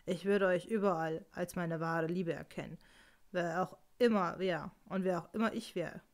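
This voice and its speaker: Woman doing a hushed, yearning king. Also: fairly low pitch, steady tone, moderate pace, voice pushed down, lightly acted. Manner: soft, hushed, pleading. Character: amorous king, a man, low and yearning.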